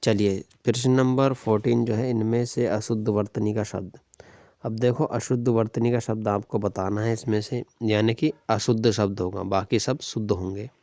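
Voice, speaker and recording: Low-voiced man teaching a Hindi lesson. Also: fairly even intonation, moderate pace, warm tone, dry recording, clean studio sound. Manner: explains step by step, repeats "ठीक है" and "याद रखिएगा". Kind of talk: exam-prep Hindi lesson.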